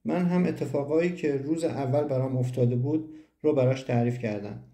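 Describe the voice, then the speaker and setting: A man narrating a first-person audiobook story in a steady storytelling manner. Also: mid-range voice. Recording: roomy echo.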